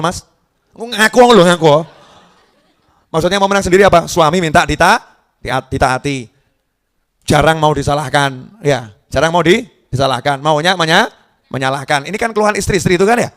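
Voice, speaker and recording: A man's voice: on the high side, brisk, fairly bright tone. A middle-aged male preacher, giving a joking, conversational sermon to a live audience.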